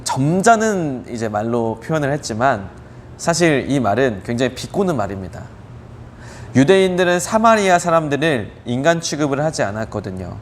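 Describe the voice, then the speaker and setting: A man's voice: medium pitch, slight background noise. Brief: a male youth pastor preaching casually to teenagers, explaining a Bible story with rhetorical questions and hesitant fillers.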